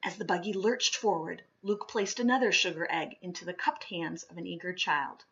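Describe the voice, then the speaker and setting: Captured in lo-fi sound, a woman with a bright voice pitched on the low side gives a dramatic picture-book read-aloud. She phrases things deliberately, using expressive pauses and emphasis.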